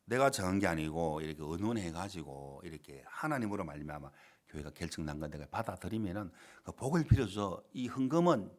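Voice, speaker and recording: A middle-aged male pastor preaching a sermon in a church, telling a story with dramatic swings between loud and quiet. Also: low-pitched, expressive, a little fast, few pauses. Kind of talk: sermon with acted-out quotes. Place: church sanctuary.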